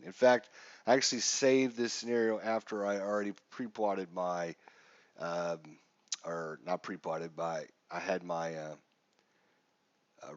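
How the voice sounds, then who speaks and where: Here the congested-sounding streamer speaks low, casually guiding viewers through a wargame setup with plenty of "um"s and chatty asides. The recording has no echo, coming across as the same flat, dry, lo-fi stream sound.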